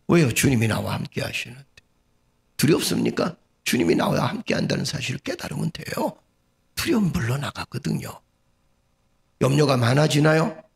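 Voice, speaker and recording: A man's voice: mid-range voice, creaky. A male pastor preaching a sermon, who keeps asking his congregation questions and acts out the lines he quotes.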